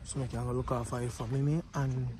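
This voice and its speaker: A young man with a Jamaican accent vlogging casually, rambling and talking straight to his viewers as he walks outdoors with a phone held low. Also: flat delivery, quick pace. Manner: rambling, talks to viewers directly. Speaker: family vlogger. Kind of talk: casual vlog chat. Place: outdoors on a street. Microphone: phone held low at arm's length. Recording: loud street noise with traffic. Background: traffic and street ambience.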